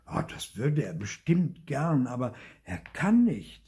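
A man's voice: medium pitch, very animated, slow pace, warm tone, voice pushed up. An older man voicing a playful father who teases his son with mock regret. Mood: teasing.

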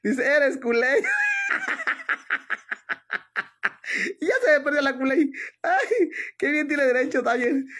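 A man's voice: very high voice, normal speed, a bit bright. A man with a Mexican accent chatting on a live stream, dramatic and full of exclamations, calling his viewers "sisters". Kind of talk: casual live-stream chat.

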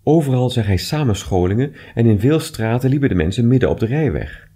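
A man reading short stories aloud with expressive, measured narration. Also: mid-range voice, husky. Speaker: reader.

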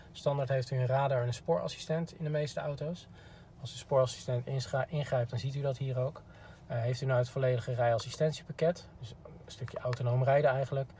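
In a parked car, a man with a medium-pitched, warm voice gives a polite, informal instructional demo as a car product expert. The background of the recording is clean.

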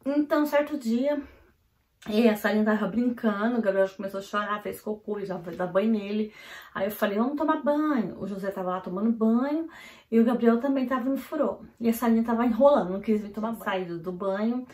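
A woman from Brazil, vlogging at home and telling a family story in a hurried, animated way, full of "então, assim" fillers. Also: medium pitch. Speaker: vlogger and mother. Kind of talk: casual storytelling to camera. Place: at home, indoors. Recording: roomy echo of a home room.

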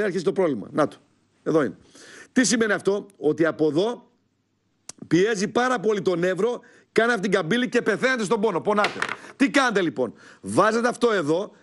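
Shouting high-voiced male TV host. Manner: angry, shouting, insulting. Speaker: TV show host. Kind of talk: heated political talk and product pitch. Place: TV studio.

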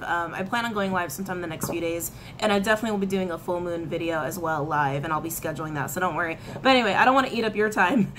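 A woman in her thirties with a lowish voice gives a casual tarot reading to camera in a small room, with slight background noise. She's chatty and animated, gesturing with her hands, laughing often and repeating phrases. The camera frames her head and shoulders from the front.

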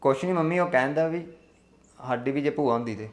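A man playing a gentle pleading son, roomy sound. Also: medium pitch, fast talker, close to an everyday voice. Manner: soft, pleading. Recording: roomy echo.

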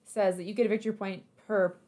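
A woman's voice: medium pitch, little pitch movement, fast talker, dark tone. A woman chatting casually during a board game livestream, making brief teasing remarks.

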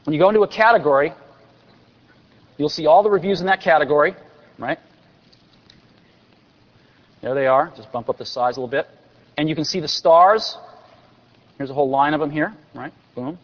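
Pausing often at a normal speed, a man in his forties with a fairly high voice presents an enthusiastic product keynote as a company executive on a large convention stage. He throws in dry sarcastic asides. The dull lo-fi recording has long hall reverb.

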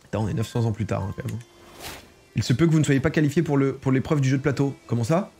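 A man with a mellow, mid-range voice talks quickly while playing a strategy game on stream. His let's-play commentary is casual, mixing chatter with reading the game's text aloud.

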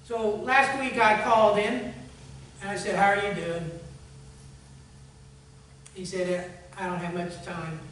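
A male pastor preaches, moving between relaxed storytelling and earnest appeals that drop to a hush. He sounds distant from the mic, his voice ringing around a very echoey church hall over a faint hum. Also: high-pitched, takes it slowly, long pauses. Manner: conversational storytelling, earnest appeal, fading to hushed prayer. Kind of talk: sermon. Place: church sanctuary.

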